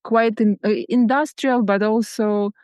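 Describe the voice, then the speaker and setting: A woman from Ukraine with a Ukrainian accent, speaking reflectively as a guest in a podcast interview, often repeating words and laughing softly. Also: a little high, steady tone, measured pace, smooth, no room sound, studio quality. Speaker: guest artist.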